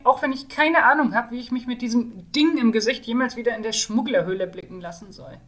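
A woman's voice: on the high side, a little fast, a bit bright, pitched above the performer's own voice, lightly acted. A woman doing a whiny young male mage. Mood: complaining. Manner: whining, complaining.

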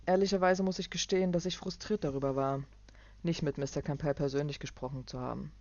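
A suave hotel magnate speaks calmly and courteously, with quiet menace underneath, as a woman reading her book puts him on. A gravelly texture runs through the voice. The recording is dry and dull. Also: sits low, quick pace, dry recording. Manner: smooth and calm, cutting when crossed.

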